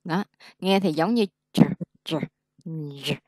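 Low-voiced woman tutoring pronunciation. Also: dark tone, dry recording, studio quality. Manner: corrects patiently, models words slowly. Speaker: English tutor. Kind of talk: one-on-one pronunciation lesson.

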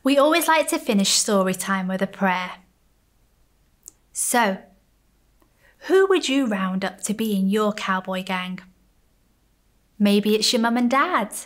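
A woman, a church families coordinator, gently and expressively reading a children's story aloud. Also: mid-range voice.

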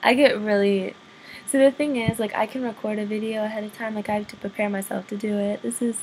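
A young woman answering viewer questions in a casual vlog, rambling and self-deprecating, with lots of ums and quick apologies. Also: mid-range voice, steady tone, a little hiss or hum, low-quality recording. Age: young adult.

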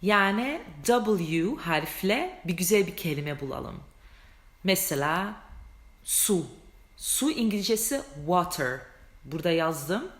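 Slow-talking woman teaching pronunciation, echoey room. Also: fairly low pitch, very animated. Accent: non-native Turkish, foreign-tinged. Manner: chatty, self-deprecating, demonstrates sounds with exaggerated mouth shapes. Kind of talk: casual vlog lesson.

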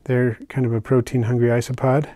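An older man casually narrating a hobby vlog as he unpacks and shows his isopod purchases, talking in a relaxed, chatty way with fillers and soft asides. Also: mid-range voice, a little fast. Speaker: isopod keeper unboxing purchases. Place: indoors at a table, hands on camera.

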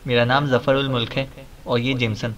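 A man's voice: medium pitch, level tone, a bit bright, far from the mic, lo-fi sound, a little hiss or hum, natural voice. A man reading an audiobook voices a cocky young heir who answers in a dry, offhand, mocking way. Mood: flippant.

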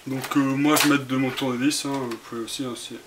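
A man's voice: mid-range voice, fairly even intonation, fairly quick. A man giving a casual how-to demonstration, talking through each step with many fillers and restarts while he works with his hands. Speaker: tutorial presenter. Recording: faint hiss, home camera audio.

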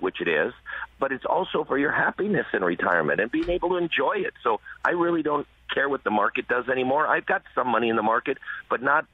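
A man's voice: mid-range voice, breathy edge, no echo. A man who is a guest author on a radio interview, speaking emphatically and persuasively with repeated points. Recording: tinny phone line.

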